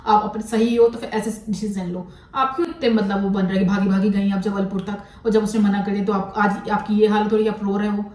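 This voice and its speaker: A woman's voice: medium pitch, steady tone, a little fast, a little mellow, far from the mic. A woman giving blunt, scolding commentary in a vlog, mixing English words into her talk. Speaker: commentary vlogger. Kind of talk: critical commentary on a controversy. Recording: echoey room, voice from off-mic.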